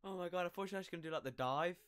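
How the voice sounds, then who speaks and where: A man's voice: sits high, very fast, a bit bright, clear, resonant tone. A young man giving casual reaction commentary while trying not to laugh. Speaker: reaction video host.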